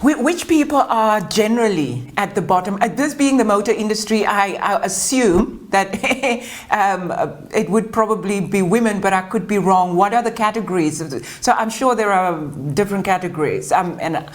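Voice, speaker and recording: A woman's voice: medium pitch, normal speed, hardly any pauses. Woman hosting a webinar. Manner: lively, laughing, hesitant with many fillers. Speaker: webinar host. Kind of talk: webinar interview.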